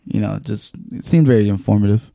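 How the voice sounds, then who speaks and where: A man co-hosting a podcast in casual chat, dry and teasing, often pausing and restarting his sentences. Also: on the low side, creaky, mellow, dry recording. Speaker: podcast co-host.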